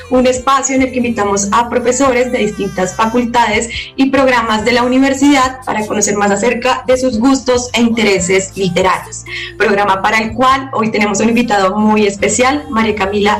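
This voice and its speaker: A woman hosts a radio program in a fairly high voice. She announces in a formal, measured way over faint background music. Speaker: radio show host. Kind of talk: scripted radio hosting.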